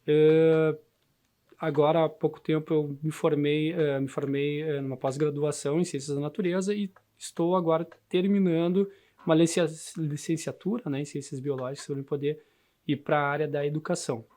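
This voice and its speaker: A man with a southern Brazilian gaúcho accent, talking casually about himself in a halting way, often adding tag questions. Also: on the high side, flat delivery, dark tone. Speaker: musician and handmade instrument builder. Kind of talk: casual interview monologue.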